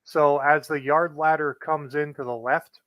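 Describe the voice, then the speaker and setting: A man co-playing on a game stream, explaining things in a flat, monotone way. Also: a little high, a little slow, dry recording, muffled recording. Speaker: guest co-player. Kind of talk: casual gameplay explanation.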